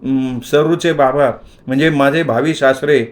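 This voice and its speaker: A man's voice: medium pitch, fairly even intonation, measured pace, natural voice. A man voicing an earnest young man from a village, pleading and protesting his innocence.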